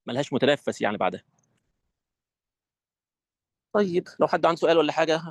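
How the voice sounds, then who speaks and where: A man with an Egyptian accent teaches recitation to fellow teachers at a rapid clip, his voice sitting a little high for a man. He speaks with animated, demonstrative energy, and the dry, close sound has no room echo. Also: gravelly. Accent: Egyptian Arabic. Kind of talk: online teacher training lesson.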